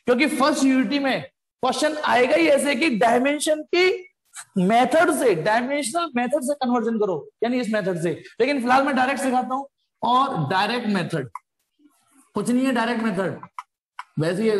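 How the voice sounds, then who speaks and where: Physics teacher in an echoey room. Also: male voice, very high voice, lively intonation, moderate pace. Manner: addresses students as beta, asks them questions. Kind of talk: classroom physics lesson.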